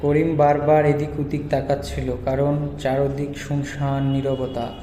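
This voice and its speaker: A man's voice: mid-range voice, completely flat delivery, a little slow, warm tone. A man narrating a scripted cartoon story as a storyteller. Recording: roomy reverb, faint background noise.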